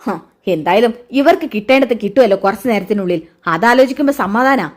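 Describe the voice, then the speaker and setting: A woman's voice: on the high side, lively intonation, fairly quick. A woman voicing a scheming, spiteful middle-aged mother who sneers and plots. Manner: sneering, conspiratorial.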